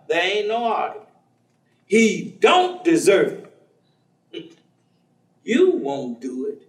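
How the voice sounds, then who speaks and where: Heard from a distant microphone on an echoey stage, a male actor uses an exaggerated, high-pitched voice for a folksy, streetwise ex-convict host in a play reading before an audience. The character is persistent and teasing, and the delivery drawls, chuckles, and coaxes in colloquial language.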